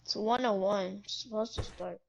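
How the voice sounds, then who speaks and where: A woman's voice: medium pitch, moderate pace, gravelly, muffled recording, slight background noise. A young woman chatting and teasing friends during a gaming session over call audio. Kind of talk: casual chat while gaming.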